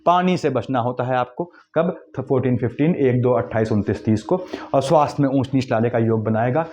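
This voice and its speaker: A man giving a quick, lecturing astrology forecast, weaving English terms into his explanations. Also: mid-range voice, warm tone. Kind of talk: monthly horoscope talk.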